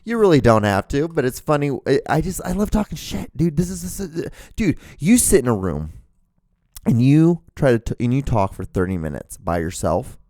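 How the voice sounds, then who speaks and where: A Honduran man in his thirties hosts a solo podcast from a room at home, seated at a studio microphone in front of a camera and wearing earphones. His mid-range voice is sing-song and warm, at a normal speed, and his casual, rambling talk is profane and full of restarts. The recording is dry and studio quality.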